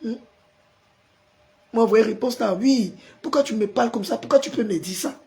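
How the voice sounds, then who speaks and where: A pastor hosting a live stream, hoarse from a sore throat and forcing his voice out as he chats with viewers and answers their comments. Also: high-pitched, normal speed, a little mellow. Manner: chatty, greets viewers by name and answers comments.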